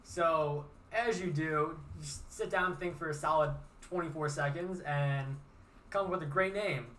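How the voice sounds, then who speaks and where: A young man co-hosting a casual podcast chat, chatty and quick to object. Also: a little high, a bit bright. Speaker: podcast co-host. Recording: distant mic, faint room noise.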